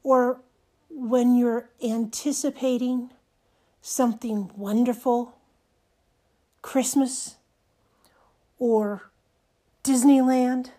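An older woman with a hoarse, nearly gone voice, hosting a personal podcast in short, halting, reflective phrases. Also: fairly high pitch, warm tone. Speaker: podcast host.

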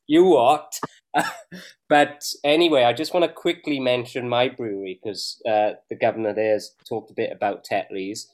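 A man's voice: medium pitch, steady tone, moderate pace. A man co-hosting a beer review show, chatty and jokey, often laughing. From Wales. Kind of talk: casual banter.

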